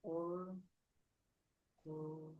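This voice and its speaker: A woman with a Brazilian Portuguese accent teaching sign language in a live lesson, slow and patient, demonstrating as she repeats each word. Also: low-pitched, flat delivery, narrow, tinny audio.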